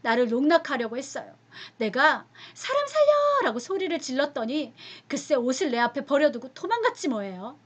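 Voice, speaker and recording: A woman's voice: high voice, expressive, a little fast, few pauses, husky. A woman voicing a haughty scheming noblewoman who speaks emphatically in a raised voice. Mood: indignant.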